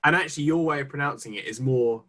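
A man co-hosting a relaxed discussion, responding with short interjections. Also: fairly high pitch, fast. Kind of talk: casual theological discussion.

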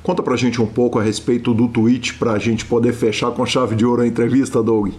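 A male podcast host leads an interview. He addresses his guest politely and formally, with a light, playful touch. His voice has an ordinary, mid pitch. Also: flat delivery, a little fast, a little mellow. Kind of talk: interview hosting.

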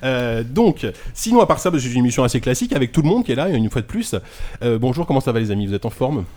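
A man's voice: mid-range voice, very animated, fast, a little mellow. A man hosting a casual group podcast, rambling with restarts and fillers. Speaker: podcast host.

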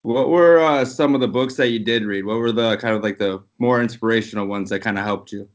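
A man's voice: fairly low pitch, a little fast. A man joining a podcast as a new co-host, speaking eagerly with many filler sounds. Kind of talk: casual interview talk. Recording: dull lo-fi audio.

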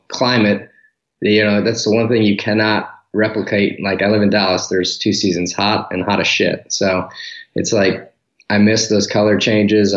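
A man from Detroit, a podcast guest, chatting in a relaxed, candid way from his home office. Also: fairly low pitch. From Detroit, Michigan, US. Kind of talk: casual interview talk. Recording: roomy, dull remote audio.

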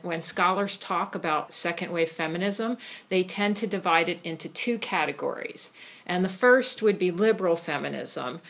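A woman professor explains history in a calm, academic manner. Her voice sits a little low for a woman. She speaks in an interview setting. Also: vocal fry. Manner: measured, academic.

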